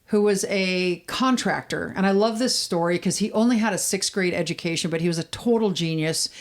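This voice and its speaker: A woman's voice: lowish voice, fairly quick. A woman co-hosting a true-crime podcast, telling stories in a chatty, casual way with fillers. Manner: chatty storyteller, frequent fillers. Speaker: podcast co-host.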